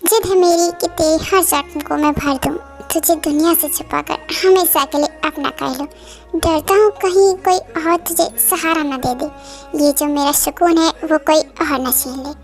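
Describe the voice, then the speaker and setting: A young woman voicing a caring young male CEO in an amateur Hindi fan dub, speaking calmly and gently, reassuring. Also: high-pitched, moderate pace, soft background music. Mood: tender.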